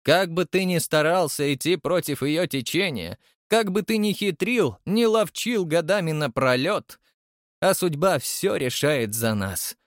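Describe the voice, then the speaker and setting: A man voicing a triumphant old male chairman who believes in fate, speaking in drawn-out, exclamatory bursts. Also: on the high side, expressive, no room sound, clean studio sound, voice pushed up. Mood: solemn. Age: older. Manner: exclamatory, drawn-out emphatic words.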